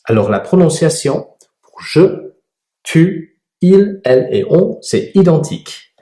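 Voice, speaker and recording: A man delivers a grammar lesson at an unhurried pace, his pitch rising and falling in lively stresses on each key word. His voice is mellow and a little dark, and it rings in a roomy, echoey space. He repeats every form with careful articulation. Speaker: French teacher. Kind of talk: slow, deliberate grammar lesson with drilled examples.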